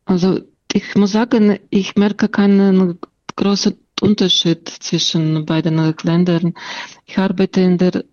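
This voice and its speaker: A woman speaking with a Russian accent stutters through sound blocks and frequent fillers while recounting her own experiences and responding to interview questions as the guest. She is low-voiced and unhurried, with little pitch movement and a darkish tone, in a dry, lo-fi recording.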